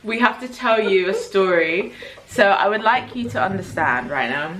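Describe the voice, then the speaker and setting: Young woman vlogging, bouncy lively voice that swoops a lot, bright and crisp, echoey room with a bit of hiss. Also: mid-range voice, moderate pace. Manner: animated, laughing, slips into a playful mock French accent. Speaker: writer and vlogger. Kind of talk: casual storytelling chat. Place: indoors at night, a rented flat. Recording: echoey room, faint noise.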